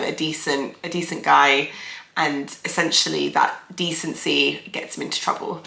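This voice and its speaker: This therapist runs her own channel and chats through her commentary thoughtfully, with plenty of filler words. She's young, with a low, gravelly, sharp-toned voice made slightly nasal by hay fever, recorded in a reverberant space.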